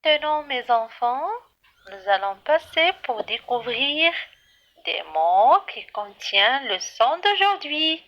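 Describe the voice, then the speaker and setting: A woman's voice: sits high, very animated, slow, highs cut off. A woman teaching a primary school reading lesson, spelling out letters one by one and praising the children often in a patient, encouraging way.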